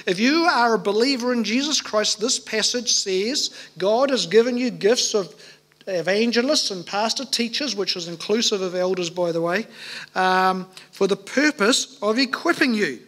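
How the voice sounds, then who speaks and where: Sex: man. Role: pastor at a pulpit microphone. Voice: high. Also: moderate pace, fairly bright tone. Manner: earnest, emphatic, with rhetorical questions. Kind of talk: sermon.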